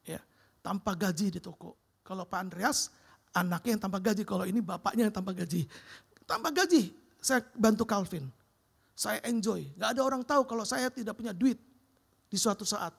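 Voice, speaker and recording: Man, middle-aged, preacher, church sermon with personal testimony, lively storyteller, husky voice. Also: sits high, a little fast. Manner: lively storytelling, calls the audience "Bro". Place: church sanctuary.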